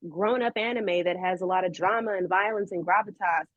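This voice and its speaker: Here a middle-aged woman from the United States is an interview guest telling lively stories, punchy and slangy, with repeated phrases for emphasis. She speaks fairly quickly in a fairly low voice, and the audio sounds dull, with no room sound.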